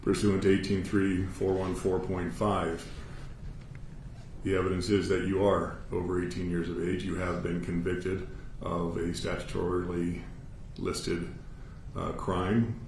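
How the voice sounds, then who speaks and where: Low, monotone American male judge in echoey room. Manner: measured, matter-of-fact, authoritative judge's delivery. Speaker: judge delivering a sentence. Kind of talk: formal courtroom sentencing statement. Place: courtroom. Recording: echoey room, distant mic, faint noise.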